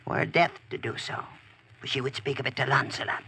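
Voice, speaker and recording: An actor playing the scheming wizard Merlin, raspy and conspiratorial, in archaic speech for an old radio drama. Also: male voice, medium pitch, fairly quick, background noise. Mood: sly, conspiratorial. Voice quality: raspy, creaky. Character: scheming wizard Merlin, sly treacherous plotter. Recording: vintage radio drama recording.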